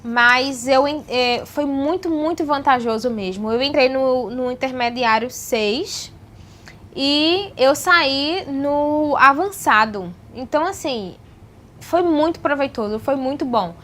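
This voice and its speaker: Woman, young adult, high voice, casual vlog chat, lots of fillers. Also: slow, a bit bright. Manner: chatty, repeats "então, assim", many fillers. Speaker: vlogger giving language-learning tips.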